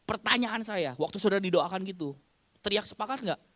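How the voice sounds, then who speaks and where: A male pastor preaching a sermon to his congregation, asking them questions and acting out their shouted amens. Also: sits high, animated, a little fast, no echo. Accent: Indonesian. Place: church congregation.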